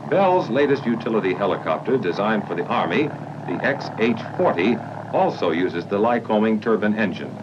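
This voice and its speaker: This American male narrator has a lowish, sing-song voice. He reads formal, measured instructions for a 1950s military training film, heard through a muffled and noisy vintage soundtrack.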